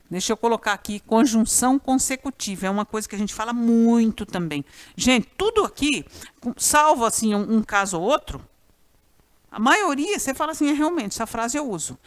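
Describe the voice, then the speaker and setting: Lively Brazilian woman teaching grammar. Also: fairly high pitch, normal speed. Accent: Brazilian Portuguese. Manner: lively, chatty, often addresses students directly. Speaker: Portuguese teacher. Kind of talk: recorded grammar class.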